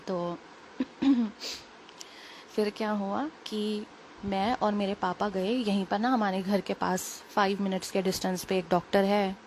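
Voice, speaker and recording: A young woman, a little unwell, telling a personal story in quick, rambling, casual talk full of fillers. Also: fairly low pitch, a little hiss or hum. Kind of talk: casual spoken testimony.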